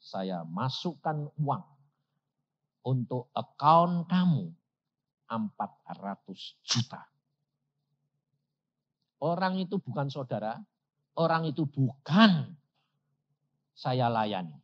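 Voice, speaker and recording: A man's voice: mid-range voice, big pitch swings, slow pace, long pauses. A man preaching a sermon, telling a story and acting out its dialogues. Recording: lo-fi recording.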